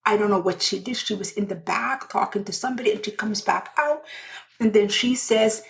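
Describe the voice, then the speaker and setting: A middle-aged woman from Somalia, hosting a personal storytelling podcast in an earnest, unhurried way with pauses and restarts. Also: mid-range voice, vocal fry, rough recording. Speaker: podcast host.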